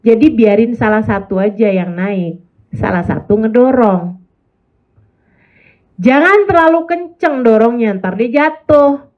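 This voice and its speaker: Woman preacher from Indonesia, forties, animated storyteller, slightly high voice, muffled lo-fi sound. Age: 40s. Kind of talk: religious talk to women.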